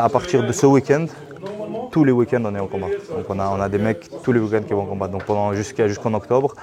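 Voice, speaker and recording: A man, a fight-club coach, talks thoughtfully and hesitantly, with many fillers. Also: on the low side. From Belgium. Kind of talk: casual interview answers.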